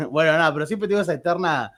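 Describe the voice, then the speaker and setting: A man's voice: on the high side, a little fast, a bit bright. A man with an Argentine Spanish accent, telling joking anecdotes to a class. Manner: chatty, joking, with frequent restarts. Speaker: teacher.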